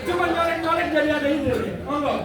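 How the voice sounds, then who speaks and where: At a campaign event in a community hall, the emcee hypes the crowd, leading call-and-response chants with lots of energy in an extremely high, quick-paced voice. The distant mic picks up hall echo and a lively audience behind him.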